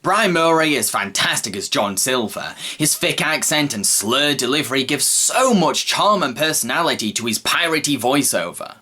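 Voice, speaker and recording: A man's voice: medium pitch, animated, moderate pace, hardly any pauses, sharp tone. A man narrating a scripted film review. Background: faint background music.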